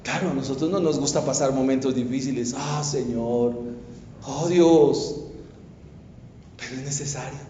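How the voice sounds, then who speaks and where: A male pastor preaching a sermon, swinging from hushed confession to pleading cries. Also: mid-range voice, a little slow, long pauses, slight background noise. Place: church. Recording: echoey church hall, dull lo-fi sound.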